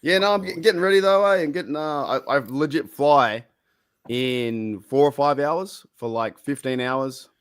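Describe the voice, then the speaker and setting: An Australian podcast co-host chats casually over a video call, swearing and laughing, and he's losing his voice, which sounds a little worn. It sits at medium pitch, smooth and at normal speed.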